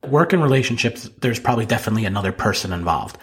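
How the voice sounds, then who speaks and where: A man's voice: on the low side, animated, rapid-fire, fairly bright tone. A man hosting an interview in a conversational style, putting questions to his guest. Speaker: interview host.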